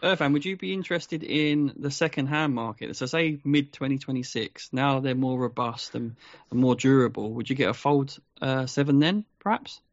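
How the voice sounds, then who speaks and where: A man chatting as a podcast co-host, measured and pausing with ums. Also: mid-range voice, dry recording. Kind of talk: casual chat. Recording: dry, slightly muffled.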